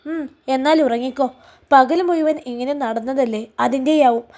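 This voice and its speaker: A woman reading a storybook, voicing an affectionate young husband who asks softly and gently. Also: sits high, normal speed, lightly acted. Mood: coaxing.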